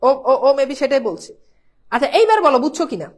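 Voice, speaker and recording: A woman's voice: high-pitched, wildly swooping pitch, quick pace. A woman teaching a pronunciation lesson, repeating herself and coaxing students to say whether they understand. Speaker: Bangla teacher.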